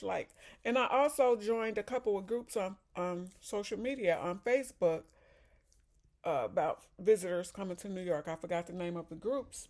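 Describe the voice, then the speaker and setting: Slow, low-voiced chatty woman vlogger. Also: a little mellow. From Chicago. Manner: chatty and unhurried, talks while eating and sipping a drink. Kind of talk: casual chat.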